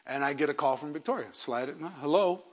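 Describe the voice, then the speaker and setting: A male pastor preaching a sermon who tells personal stories, moving between hushed storytelling and loud, emphatic preaching. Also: medium pitch, fairly even intonation, fast talker. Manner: acts out quoted voices in his stories.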